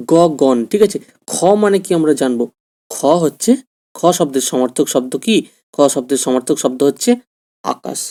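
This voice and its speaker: A man's voice: a little high, dark tone. A man teaching an exam-prep grammar lesson, patient and repetitive, talking straight to his students and checking they follow. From West Bengal, India.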